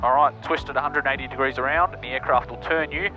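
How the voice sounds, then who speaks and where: A man's voice: medium pitch, steady tone, fast talker, muffled recording. An Australian man chatting breezily and casually as a pilot vlogger, using matey slang over a cockpit headset. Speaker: pilot and presenter of a flying vlog. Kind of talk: casual cockpit chat and radio calls. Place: small propeller plane cockpit in flight. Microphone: aviation headset. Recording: band-limited aircraft headset audio, music underneath.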